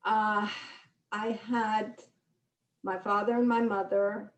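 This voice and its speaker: A woman in her eighties from France, giving her survivor testimony slowly and with measured pauses over a video call. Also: medium pitch, level tone, roomy sound, poor audio. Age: 80s. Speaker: Holocaust survivor guest. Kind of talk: spoken testimony in conversation.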